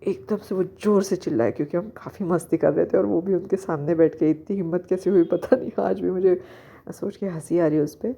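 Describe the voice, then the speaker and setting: A young woman telling a personal spiritual story, hesitant and pausing often with fillers. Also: fairly low pitch, gravelly, mellow, breathy edge. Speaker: spiritual vlogger. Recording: dull lo-fi recording.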